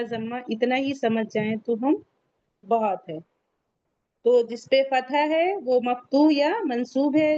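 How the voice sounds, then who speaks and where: A woman teaches an online tajweed class at a slow, deliberate pace. Her voice sits a little high, and she repeats each question before answering it herself. The recording is dry and a bit dull. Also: mellow, no echo. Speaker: Quran recitation teacher. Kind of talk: online tajweed lesson, screen shared.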